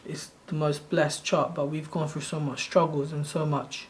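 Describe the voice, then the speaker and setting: Slight background noise sits behind a man in his thirties from Sri Lanka who runs a channel and walks viewers through a casual screen-share tutorial. His voice is a little high with little pitch movement, and he speaks at normal speed. His explanation wanders, full of self-corrections.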